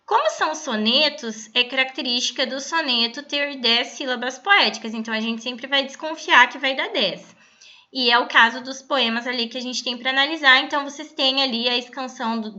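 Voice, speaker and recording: A woman teacher giving a recorded online lesson, explaining patiently and reading verses slowly aloud. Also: high voice, bright, forceful tone, muffled recording.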